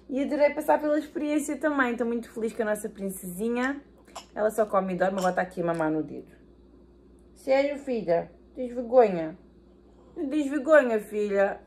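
A woman with a European Portuguese accent, chatting tenderly and playfully in a casual vlog. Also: on the high side. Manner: tender, playful baby talk. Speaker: vlogger. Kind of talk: casual vlog talk, voicing her baby.

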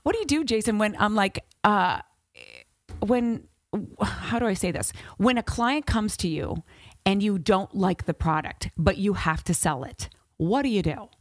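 A woman's voice: mid-range voice, unhurried, no echo. A middle-aged woman hosting a talk show, chatting candidly and animatedly with her guest. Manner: animated, candid, venting asides. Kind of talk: casual interview chat.

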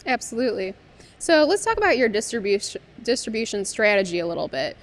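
A woman's voice: on the high side, sing-song, quick pace. A woman in her thirties interviewing a brewery guest in a barrel room, asking chatty questions with fillers. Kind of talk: business interview.

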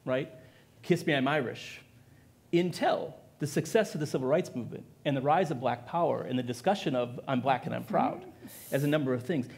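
A middle-aged man speaks on a discussion panel with a gravelly edge to his voice. He talks in an animated way, building his points to an audience. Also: mid-range voice. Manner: animated, gestures while speaking. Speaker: history professor on a panel. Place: event hall with audience.

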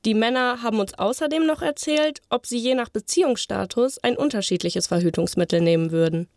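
A young woman co-hosting a student podcast, presenting in a clear, scripted way. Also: fairly high pitch, fairly quick, a little mellow, dry recording, studio quality. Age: young adult. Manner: clear, read-from-script delivery. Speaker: podcast co-host, journalism student.

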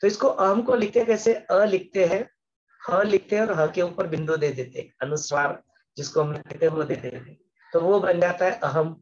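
A man's voice: high voice, normal speed, lo-fi sound. A man giving an explanatory scripture lesson as a spiritual teacher, patiently repeating words and slipping English phrases into his talk.

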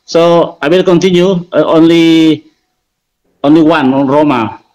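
A man's voice: fairly high pitch, slow, a little mellow, lo-fi sound. A man explaining religion informally in a debate, didactic and emphatic, often repeating key phrases.

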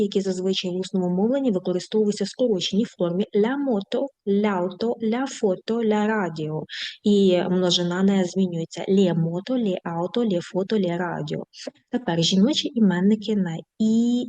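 A young woman runs an online language lesson, reading out word after word with patient pauses. Her voice sits in a middle pitch and has a warm, mellow tone. She speaks to her students with affection. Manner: patient, spells out word lists slowly with pauses. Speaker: language teacher.

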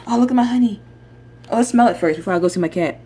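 A woman's voice: mid-range voice, racing, mellow. Casual young woman vlogging, noisy home recording. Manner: informal, slangy, thinking aloud. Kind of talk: casual chatty food vlog. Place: home kitchen. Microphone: handheld camera at arm's length. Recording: clear background noise, handheld home recording.

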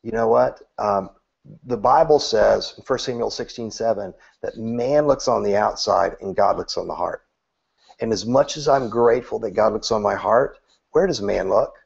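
On a video call, a man in his thirties sits on a couch in a small room giving earnest church marketing advice as an interview answer. His voice is on the low side, gravelly and husky, at a moderate pace, and he gestures animatedly with both hands, often restarting and repeating words. The webcam audio is dull and lo-fi.

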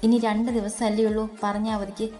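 A woman's voice: mid-range voice, little pitch movement, brisk, warm tone, soft background music, lightly acted. A woman voicing a worried young wife who speaks in a pleading, tearful way. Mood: anxious.

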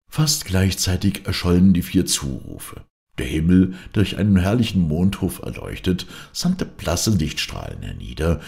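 A man reading a classic adventure novel aloud as an audiobook narrator, with lively storytelling and the quoted lines given voices. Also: a bass voice, gravelly.

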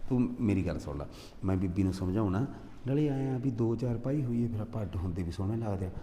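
A man's voice: fairly low pitch, expressive, quick pace, warm tone, reverberant, big-room sound, lightly acted. An actor playing a young husband and son who keeps coaxing and soothing his angry wife. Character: young husband, placating, caught between wife and mother.

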